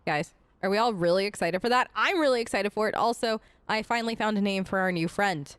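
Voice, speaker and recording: Speaking fairly quickly in a medium-pitched, fairly bright voice, a woman streams a fantasy game while staying in character. She playfully talks to her companions and pets, and the audio is clean with no room sound.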